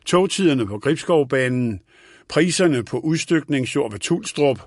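A man narrates an audiobook in a calm, even, steady reading voice. His voice sits at a middle pitch. The recording is dry and close. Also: no echo.

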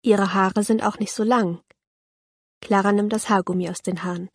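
A woman, reading a children's audiobook aloud in a calm, clear storytelling voice. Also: mid-range voice, normal speed, no room sound. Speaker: narrator.

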